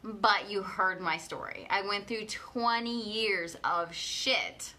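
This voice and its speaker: A woman's voice: mid-range voice, takes it slowly, bright, forceful tone. A woman in her thirties giving an earnest motivational coaching talk to an online audience, emphatic and fond of repeating phrases. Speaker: coach leading an online challenge. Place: living room at home, indoors.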